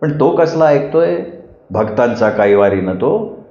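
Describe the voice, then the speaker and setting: A man voicing an elderly, sharp-tongued village mother who scolds and teases fondly, in a roomy, dull recording. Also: extremely low pitch, lively intonation, unhurried, full character voice. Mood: complaining. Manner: scolding, teasing.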